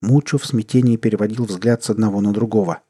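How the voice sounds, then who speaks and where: A man narrating a science fiction story in an even, measured reading. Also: lowish voice, husky.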